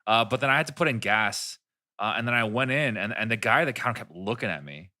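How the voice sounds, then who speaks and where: Animated American man telling stories. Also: on the low side, fast. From California. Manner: animated storyteller acting out voices, swears often. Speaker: podcast host. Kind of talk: casual chat.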